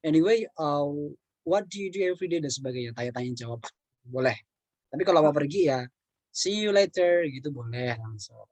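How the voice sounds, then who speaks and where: A man's voice: fairly high pitch, expressive, a little fast, a little mellow, no echo. Patient man teaching English, dry close sound. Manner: patient, repeats words and examples, clears throat often. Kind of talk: online English lesson explained in Indonesian.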